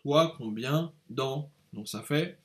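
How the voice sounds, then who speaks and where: A man's voice: medium pitch, slow pace, background noise. A man teaching a language lesson, patiently explaining and repeating words aloud to show each tone.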